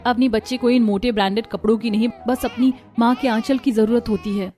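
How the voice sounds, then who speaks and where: एक महिला के अभिनय में ममता भरी कार्टून बहू, ऊँची पर नरम आवाज़ में सलाह देती हुई। पीछे धीमा संगीत सुनाई देता है।. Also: female voice, fairly high pitch, steady tone, a little fast, close to an everyday voice. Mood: caring. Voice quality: gentle, earnest. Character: kind caring young wife and mother. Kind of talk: Hindi cartoon voice acting. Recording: light music behind voice.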